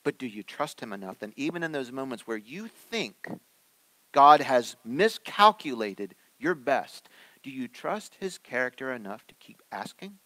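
A man's voice: medium pitch, very animated, measured pace, sharp tone, dry recording. A man preaching a sermon in a conversational, joking storytelling manner, laughing along with his own anecdotes. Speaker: pastor.

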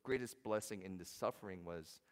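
A man preaches a sermon to his congregation, his voice sitting a little low. He swings from loud, animated exclamations to hushed quoted lines. The sound rings with the long reverb of a large hall. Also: moderate pace. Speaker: pastor.

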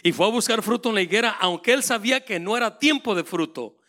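A man with a high, bright, ringing voice preaches with fire. He swings from booming proclamations down to hushed, close asides. He delivers it as a passionate Spanish sermon. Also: expressive, fast talker.

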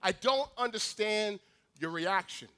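A man's voice: fairly high pitch, fast talker, a bit bright, voice pushed down, lightly acted. A man doing a greedy, pleading nobleman. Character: greedy, anxious male nobleman, scheming.

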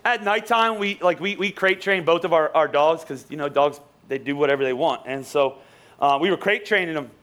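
A man's voice: fairly high pitch, a little fast, fairly bright tone. A young male pastor telling a joking, sarcastic story during his sermon, with many restarts and asides to the congregation. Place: church sanctuary.

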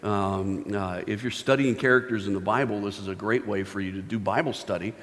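A man's voice: fairly low pitch, a little fast, fairly bright tone. A man preaching a sermon, telling a Bible story in a casual, playful way with many filler words. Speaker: pastor. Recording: long hall reverb.

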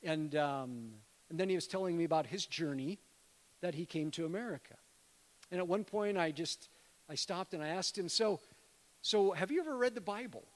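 Middle-aged male preacher, high voice, conversational sermon, long church reverb. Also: animated, moderate pace. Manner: conversational, addresses congregation as friends. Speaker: guest preacher, missionary. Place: church sanctuary.

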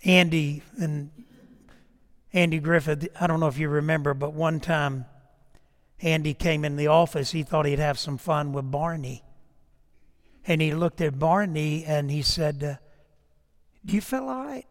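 High-voiced male preacher in a reverberant hall. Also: little pitch movement, unhurried. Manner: conversational storytelling preaching, rising and dropping to a hush. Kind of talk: sermon.

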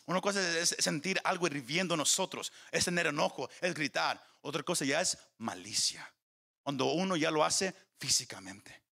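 A male pastor delivers a sermon in a gravelly, bright voice. His pitch rises and falls widely as he builds emphasis, and he trips over repeated words. He keeps asking the congregation whether they are following. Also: lively intonation, moderate pace. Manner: preaching with rising emphasis and repeated restarts; addresses the congregation with questions.

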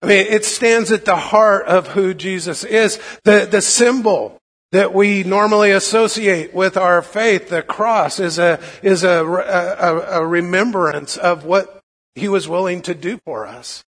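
A man with a fairly high, gravelly voice, hoarse as if under the weather, preaches a sermon. He speaks informally and haltingly, doubling back on his words. The sound carries a long hall reverb. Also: fairly bright tone. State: hoarse from being unwell. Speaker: pastor preaching to a congregation.

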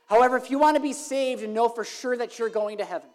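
A woman preaching an evangelistic sermon, earnest, swinging from emphatic lines to hushed, soft ones. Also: fairly high pitch, quick pace.

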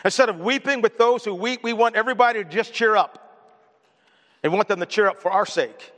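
A fairly high male pastor delivers an earnest sermon that rings through a reverberant church sanctuary. He builds to loud emphatic points, then drops low and gentle when he speaks of loss. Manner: earnest preaching, swells loud on key points, drops soft on grief.

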